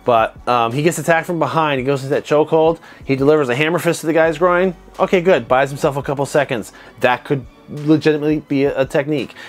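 A man in his thirties, a martial arts instructor, talking to camera from a home studio on a lapel mic, giving animated, nitpicky commentary on a fight scene. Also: on the high side. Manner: animated, conversational, self-described nitpicker. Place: home studio room with desk lamp and monitors. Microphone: clip-on lapel mic.

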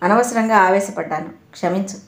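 A woman's voice: medium pitch, a little fast, roomy sound, natural voice. A woman storyteller voicing a proud, reserved young man who speaks in short phrases, in an audio novel. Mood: remorseful.

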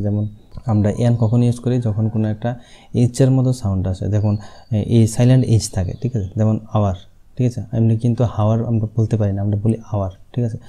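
A man's voice: lowish voice, dark tone. A man with a Bengali accent teaching an exam-prep grammar lesson, explaining each point step by step and checking with his students after each one. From Tripura, India. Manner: reads English rules slowly, word by word.

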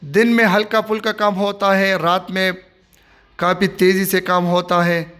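High-voiced man touring a site. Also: little pitch movement, moderate pace, fairly bright tone. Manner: repetitive, plain commentary while filming. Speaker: vlogger giving a site tour. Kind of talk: casual walking tour narration. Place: outdoor construction site of a stadium. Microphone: handheld phone.

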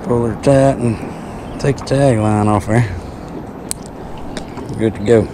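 A man's voice: medium pitch, fairly even intonation, takes it slowly. A man giving laid-back, folksy commentary while fishing from a small boat on a lake, recorded on an action camera. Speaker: fishing vlogger. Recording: loud outdoor wind and water noise. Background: outdoor water noise.

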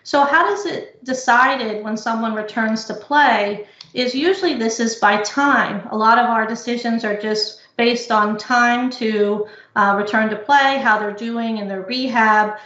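Woman presenter, higher voice, explaining carefully over a muffled, echoey call. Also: a bit bright. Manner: explanatory, measured, frequent uh fillers. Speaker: physical therapy researcher presenting. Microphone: computer mic on video call. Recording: echoey lo-fi video call audio.

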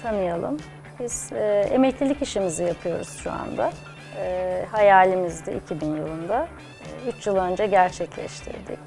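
A woman in her sixties, a guest cook and cafe owner, soft-spoken and modest. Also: on the low side, normal speed, faint music behind. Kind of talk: studio interview. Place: TV studio kitchen set.

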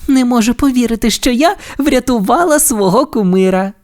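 A brave, cheerful female puppy pilot, put on by a woman reading a storybook aloud. The voice sits high above the reader's own and swings lively up and down. She sounds eager and determined. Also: moderate pace, natural voice. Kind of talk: audiobook character voice.

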